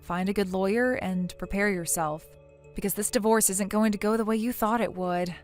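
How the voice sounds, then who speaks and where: A woman's voice: mid-range voice, moderate pace, faint music behind, lightly acted. A synthetic female voice playing a blunt friend who lectures in a stern tone. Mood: scolding.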